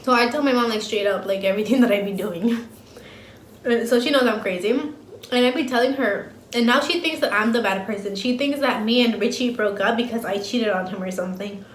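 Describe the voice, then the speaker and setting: A woman's voice: fairly high pitch, brisk, a little hiss or hum. Blunt, slangy young woman chatting. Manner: blunt, slangy, laughs easily. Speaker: vlogger. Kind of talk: casual mukbang chat. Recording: roomy home sound with faint ambience.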